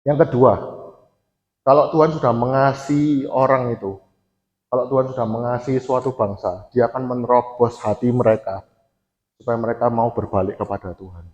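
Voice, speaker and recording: East Javanese preacher in an echoing church. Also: male voice, medium pitch, steady tone, moderate pace, darkish tone. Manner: conversational, addresses the congregation often. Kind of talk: sermon. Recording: echoey church hall, dull sound.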